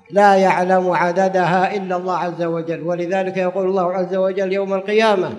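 A man giving a religious lesson as a preacher, speaking formal Standard Arabic and explaining with repeated phrases. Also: sits high. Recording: long hall reverb.

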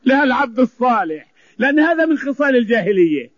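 A man's voice: extremely high pitch, very animated, fast talker, a bit bright, no room sound. A man preaching a sermon, emphatic and repeating phrases for stress. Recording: dull lo-fi recording.

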